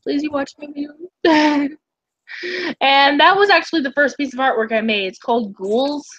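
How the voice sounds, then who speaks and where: A young woman chatting casually on a live stream about her artwork, giggly and full of quick asides. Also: high-pitched, fairly bright tone, no room sound. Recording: muffled lo-fi mic.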